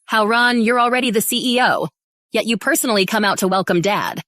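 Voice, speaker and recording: A woman's voice: on the high side, brisk, a bit bright, dry recording, natural voice. A woman dubbing an arrogant, spoiled young heiress who talks down to everyone, recorded dry in a studio. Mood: scheming. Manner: sneering, haughty. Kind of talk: English drama dub.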